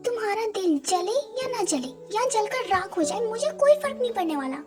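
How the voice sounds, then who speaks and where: A woman's voice: extremely high pitch, very animated, normal speed. A young reader voicing a jealous, snappy teenage schoolgirl rival, over background music. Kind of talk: fan story voice acting. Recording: music playing behind.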